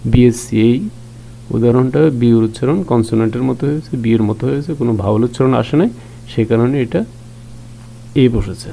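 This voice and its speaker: Male teacher, gravelly and dark, explains rules step by step and poses questions he answers himself, faint hum behind. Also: medium pitch, a little fast, poor audio. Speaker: English teacher. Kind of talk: grammar lesson explained in Bangla.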